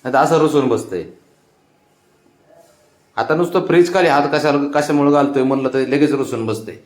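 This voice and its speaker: A man's voice: mid-range voice, moderate pace. A man with a Marathi accent, casually coaxing and scolding his sulking pet cat in a mix of pleading and baby talk.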